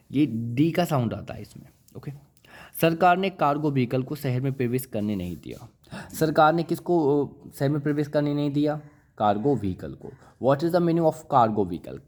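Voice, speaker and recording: A man's voice: mid-range voice, a little mellow. A male teacher giving a classroom lecture. He repeats each word and quizzes his listeners with questions, coaxing them along and calling them brother and child. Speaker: English vocabulary teacher.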